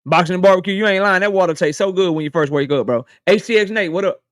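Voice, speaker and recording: High, smooth-voiced man roasting his chat. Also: fast, no room sound, clean studio sound. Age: 30s. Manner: joking, roasting chat members, laughs often. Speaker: live stream host. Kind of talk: casual live stream chat with viewers.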